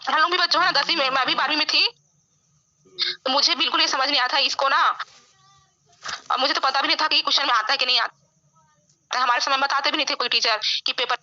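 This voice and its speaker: High bright-voiced woman teaching grammar. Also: fairly even intonation. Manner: explains slowly, keeps asking "है ना?". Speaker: English teacher. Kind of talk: classroom grammar lesson. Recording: dull lo-fi sound.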